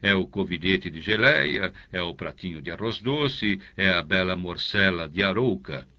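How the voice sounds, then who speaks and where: A man's voice: deep voice, normal speed, sharp tone, muffled recording. A man voicing a pompous, self-satisfied older canon priest in an audiobook, speaking in a confidential, lingering way. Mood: smug. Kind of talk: audiobook character voice.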